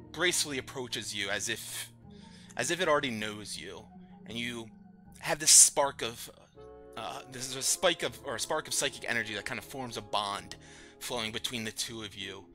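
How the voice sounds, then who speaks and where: A man's voice: fairly low pitch, normal speed, sharp tone, soft background music. A man working as game master, narrating a tabletop fantasy game in descriptive prose.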